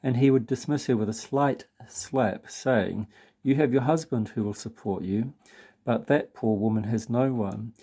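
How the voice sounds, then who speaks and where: A priest reading a spiritual book aloud in a measured, earnest way, now and then stumbling over a word. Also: male voice, medium pitch, warm tone.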